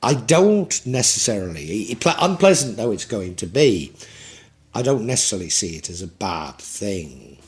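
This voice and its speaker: A man's voice: on the low side, big pitch swings, moderate pace. A man in his sixties giving a tarot reading in a reflective, rambling way with frequent restarts. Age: 60s. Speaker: tarot reader.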